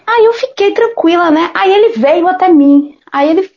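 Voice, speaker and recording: This woman's voice is extremely high-pitched at a normal speed. She's a singer from Salvador, Brazil, chatting casually and animatedly through a story, performing the quoted dialogue and cursing easily, all captured on a dull lo-fi recording.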